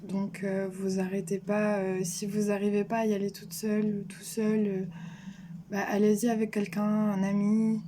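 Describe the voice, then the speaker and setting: A woman's voice: mid-range voice, monotone, moderate pace, background noise. A young French woman giving earnest, hesitant travel advice in a casual vlog, with many fillers and restarts. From France. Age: young adult. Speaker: vlogger.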